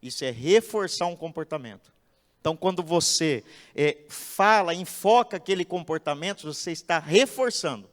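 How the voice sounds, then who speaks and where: A man's voice: on the high side, normal speed. A man, preaching animatedly in a church and often asking "entende?". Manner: animated, acts out quotes, asks "entende?". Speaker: pastor giving a talk. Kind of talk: expressive sermon-style lecture. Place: church hall. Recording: echoey church hall.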